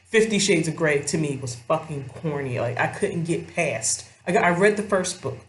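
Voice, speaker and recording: A woman's voice: deep voice, animated, moderate pace. A young woman giving casual commentary to her viewers, rambling and swearing freely as she talks straight to them. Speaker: vlogger. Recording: roomy echo.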